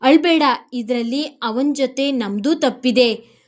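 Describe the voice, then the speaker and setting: A woman's voice: high voice, measured pace, darkish tone. A woman voicing a stern but caring middle-aged mother-in-law who speaks firmly.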